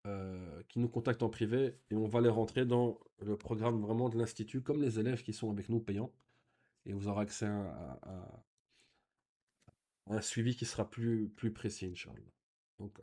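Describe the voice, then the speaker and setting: A man's voice: lowish voice, mellow. A man teaching a beginners' Arabic lesson in French, reading dialogue lines and translating them patiently one by one. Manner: patient, repeats and translates line by line.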